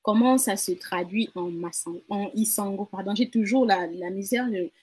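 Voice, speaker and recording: A woman's voice: mid-range voice, moderate pace, darkish tone, husky. A woman learning a language from her mother in a casual lesson, repeating words carefully and laughing at herself. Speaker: learner and co-host.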